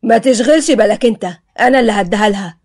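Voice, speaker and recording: A woman's voice: fairly high pitch, steady tone, natural voice. A woman voicing a stern, jealous Upper Egyptian husband with an Upper Egyptian accent who speaks harshly and threateningly in a storybook reading. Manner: harsh, threatening, slow and heavy.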